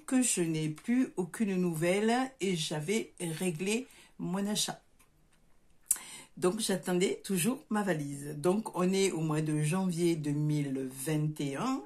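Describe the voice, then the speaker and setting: Southern french lady chatting to camera in her craft room, lots of ums and restarts, lowish voice. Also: darkish tone. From southern France. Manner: hesitant, many fillers and restarts. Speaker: crafts vlogger. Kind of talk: casual chat to camera. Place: home craft workshop, indoors.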